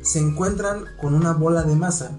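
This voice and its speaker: A man with a Mexican accent, co-hosting a casual podcast, excitable and slangy, swearing freely. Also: a little high, moderate pace. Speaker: podcast co-host. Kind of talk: casual chat. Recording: echoey room with faint music.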